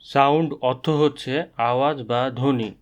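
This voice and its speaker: A man teaching an English lesson, repeating words slowly and spelling them out letter by letter. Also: medium pitch, steady tone. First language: Bengali. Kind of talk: slow, drilled English lesson with repetition.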